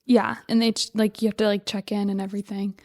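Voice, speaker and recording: A young woman on a podcast recounts a trip with lively, rambling energy, peppered with fillers and laughter. Her voice is mid-pitched and close, with a dry sound. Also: quick pace, dry recording. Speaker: podcast guest. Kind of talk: casual interview chat.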